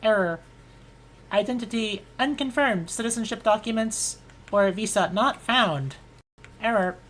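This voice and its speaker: A woman's voice: medium pitch, measured pace, slight background noise, voice pushed up, natural voice, rough recording. Woman doing a glitching robot drone. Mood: flat error alerts. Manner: glitching, clipped machine-like error announcements. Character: malfunctioning robotic drone blaring error messages. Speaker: game master.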